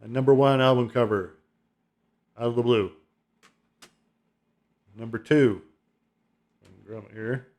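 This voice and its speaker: Middle-aged male vlogger, average pitch, chatty, meandering, laughs often. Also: fairly even intonation, slow, pauses often, a little mellow. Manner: rambling, chuckling, nostalgic, full of fillers. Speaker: album ranking vlogger. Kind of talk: casual rambling monologue.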